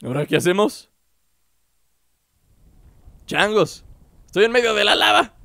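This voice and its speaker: A man's voice: high voice, lively intonation, measured pace, creaky, bright, forceful tone, no echo. A young man giving playful, mock-dramatic gameplay commentary full of slangy asides. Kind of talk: joking let's-play commentary. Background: game music.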